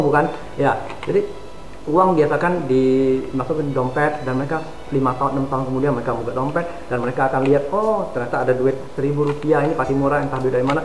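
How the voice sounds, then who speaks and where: A man talks fast as he gives a lesson of advice and keeps addressing his listeners directly. His voice rings in a roomy, echoing space. Loud instrumental music plays underneath him. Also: medium pitch. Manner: addresses listeners repeatedly as "saudara". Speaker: Mandarin study consultant. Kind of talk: instructional talk to viewers.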